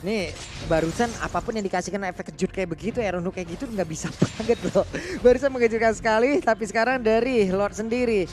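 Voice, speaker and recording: A male Indonesian esports caster talks quickly in a very high voice. His delivery is colloquial and emphatic, and there is clear noise behind him. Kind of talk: lively esports commentary.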